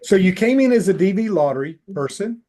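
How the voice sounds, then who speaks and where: A man's voice: sits high, expressive, a little fast, dark tone. An older man, a retired immigration officer, hosting a casual interview over a video call, chatty and full of restarts. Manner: chatty, many restarts and asides.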